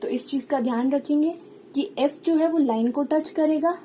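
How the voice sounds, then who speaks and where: A woman's voice: high voice, normal speed, warm tone, slight background noise, low-quality recording. A woman teaching shorthand step by step, patiently explaining and asking and answering her own questions. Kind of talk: classroom lesson at a whiteboard or page.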